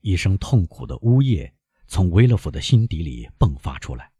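A man narrating a novel in an expressive, dramatic reading. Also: low voice, moderate pace, husky, dry recording, studio quality. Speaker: audiobook narrator.

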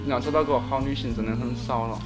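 A man's voice: medium pitch, fairly even intonation, fast talker, low-quality recording. A man with a Sichuanese accent chatting casually and emphatically, arguing his opinions. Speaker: talk show panelist. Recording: prominent music behind the talk. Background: music.

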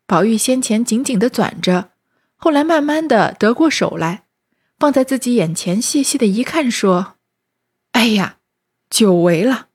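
A woman narrating a classic novel as a storyteller, with a steady retelling that lightly acts out the speech. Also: a little high, slightly rough.

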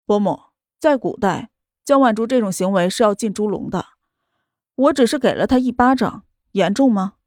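A woman's voice: mid-range voice, moderate pace, no room sound, clean studio sound, lightly acted. A woman voicing a cold, aloof young man. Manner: flat, cold and dismissive.

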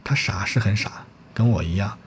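A male reader voicing Nastasya, a chatty, teasing peasant maidservant, in his own low voice. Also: moderate pace, husky. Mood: chiding. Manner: chatty, scolding. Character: talkative peasant maidservant woman, blunt and teasing.

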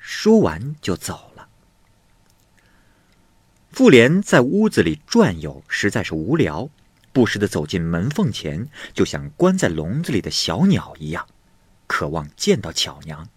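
A man retelling a classic ghost story in everyday speech, slipping into the characters' voices as he goes. His voice sits low and moves slowly, yet its melody rises and falls freely. The recording is dry and close. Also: husky, no echo. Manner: leisurely, expressive, does the voices of all the characters.

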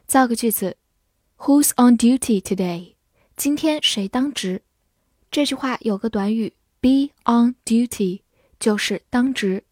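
A woman teacher giving a vocabulary lesson, who spells each word letter by letter and reads the example sentences slowly. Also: mid-range voice, warm tone, no echo, clean studio sound. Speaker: English teacher.

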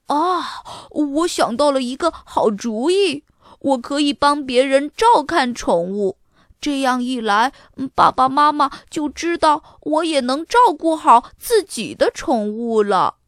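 Woman voicing a young storybook boy, excited, loud, slightly high, slow, dry sound. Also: no echo. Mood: hopeful. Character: eager young boy pet sitter.

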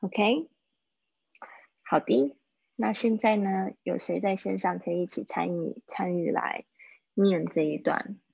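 A woman teaching English phrases in a live-streamed lesson, chatting and slowly repeating phrases for practice. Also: mid-range voice, gravelly, darkish tone, breathy edge, dry recording, highs cut off.

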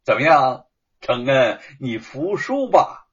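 A man voicing Shen Kun, a boisterous male scholar in a told story, teasing his friend loudly. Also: mid-range voice, big pitch swings, slow, breathy edge, highs cut off, full character voice. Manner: teasing, loud.

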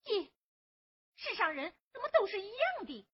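A woman's voice: very high voice, sing-song, normal speed. A woman playing a young woman pleading for justice in Huangmei opera, earnest and tearful, on a dull lo-fi recording. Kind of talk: Huangmei opera stage acting.

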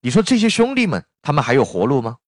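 Storyteller voicing a shrewd adviser, calm and persuasive, dry close sound. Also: male voice, mid-range voice, no room sound. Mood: persuading. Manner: unhurried, persuasive.

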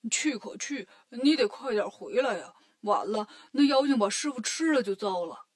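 A woman's voice: a little high, expressive, normal speed. A woman voicing an anxious male pig disciple in a children's story, urging in a worried way.

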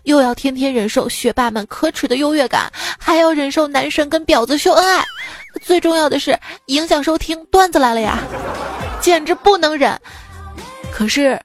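High-voiced playful woman radio host. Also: normal speed, faint music behind. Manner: playful, teasing, acts out characters' lines. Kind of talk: comic joke reading.

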